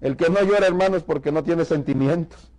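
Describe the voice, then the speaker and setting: A man's voice: a little high, brisk, darkish tone, poor audio. A man from Mexico preaching to a church congregation, giving an emphatic testimony and calling the listeners brother. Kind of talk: sermon testimony.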